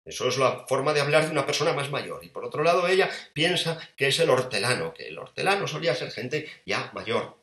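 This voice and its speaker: Spanish preacher in an echoey room. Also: male voice, medium pitch, brisk, few pauses. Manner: tender storytelling, lively swings between soft and emphatic. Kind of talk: sermon.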